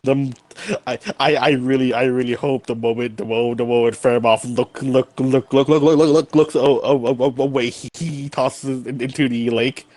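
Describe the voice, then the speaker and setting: A man's voice: mid-range voice, steady tone, normal speed, a little mellow, no echo. A man playing a tabletop game who stammers and repeats words a lot. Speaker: player.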